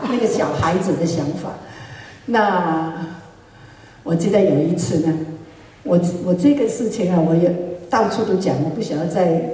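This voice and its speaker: Animated woman preacher in an echoey hall. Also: mid-range voice. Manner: animated, laughing storytelling. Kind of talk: testimony sermon. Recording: echoey hall, mic far off.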